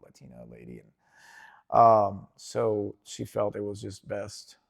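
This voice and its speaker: A man in his forties from Venezuela, a jiu-jitsu instructor, telling his story in a relaxed, rambling way with many fillers and restarts. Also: fairly low pitch, takes it slowly, creaky. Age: 40s. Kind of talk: casual interview.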